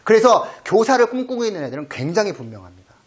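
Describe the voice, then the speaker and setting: A man's voice: high voice, fast. A middle-aged man hosting an education channel, talking casually and acting out his own lines with gusto. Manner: lively storyteller, acts out his own lines to cats. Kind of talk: casual explanatory talk.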